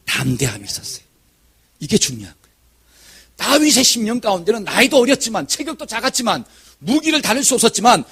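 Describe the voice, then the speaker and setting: Animated, husky-voiced male pastor. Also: sits high. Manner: animated storytelling with questions to the congregation. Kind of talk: sermon.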